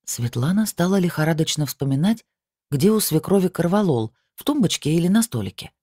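A man reading a novel aloud as an audiobook narrator, steady and even. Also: fairly high pitch, brisk, dry recording, clean studio sound. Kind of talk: scripted narration.

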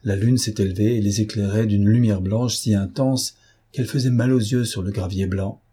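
A man narrating a novel in calm, even storytelling. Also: lowish voice, moderate pace, breathy edge. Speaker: audiobook narrator. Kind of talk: scripted narration.

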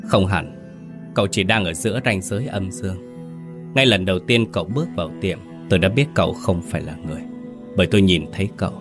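A man voicing a calm, blind young female spirit medium in a ghost story, speaking coolly and matter-of-factly. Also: deep voice, over music, lightly acted. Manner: cool, unhurried, matter-of-fact.

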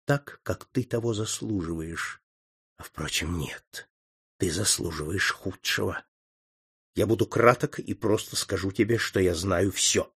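A man voicing a contemptuous young aristocrat who speaks in a hollow, lifeless, quiet voice in an audiobook reading. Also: low voice, a little slow, husky, exaggerated voice. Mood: cold, quiet. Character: cold young aristocrat son, accusing, contemptuous.

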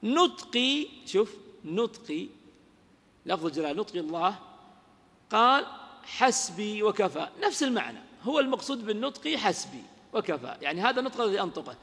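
A grammar teacher with a high, sing-song, slightly bright and husky voice lectures on a classical grammar poem in a reverberant hall, the audio carrying long reverb. He quizzes listeners with rhetorical questions and recites verse lines slowly.

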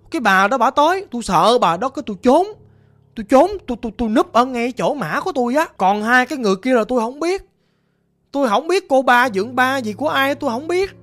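A vengeful young ghost, voiced by a woman narrator speaks in a Southern Vietnamese accent, plaintive and rambling as she repeats her grievances. Her voice sits a little high, with soft music drifting behind the storytelling. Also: natural voice. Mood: frightened.

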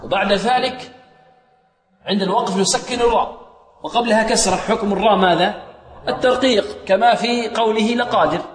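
A man teaching Quran recitation rules, quizzing his students and chanting verses slowly to show each rule. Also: high voice, roomy sound, long reverb tail. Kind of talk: tajweed lesson with sung recitation.

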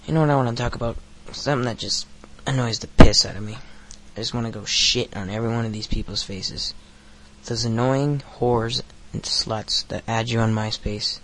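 A thirteen-year-old boy hosts his own solo podcast, ranting casually and crudely with plenty of fillers and swearing while recovering from hoarseness. His mid-range voice is fairly bright, with fairly even intonation and a moderate pace. The recording is rough, with slight background noise.

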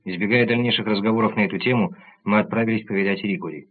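A man with a fairly low voice narrates an audiobook in the first person, measured and even. The audio is tinny and narrow-band.

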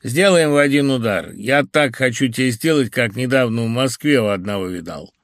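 A man voicing a gruff, surly middle-aged male builder who speaks curtly and with contempt. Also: mid-range voice, lively intonation, moderate pace, no room sound, studio quality, close to an everyday voice.

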